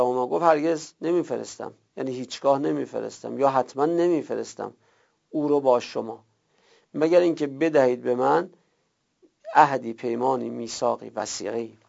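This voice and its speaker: A man teaching a Quranic Arabic grammar lesson, drilling verb forms slowly one by one. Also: fairly high pitch. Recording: gravelly, dull lo-fi recording.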